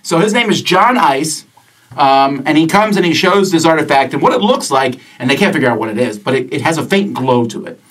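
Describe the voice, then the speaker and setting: A man in a slightly high voice narrates a tabletop game as game master. He talks casually and rambles, often restarting his sentences. The mic sits some way off from him. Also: animated, a little fast, a bit bright. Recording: distant mic in a room.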